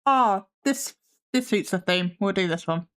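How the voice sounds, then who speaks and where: Here a woman with a medium-pitched, expressive voice takes her time. She hosts a live stream reacting to videos, throwing out sassy, doubtful remarks and casual swears while her voice wears out.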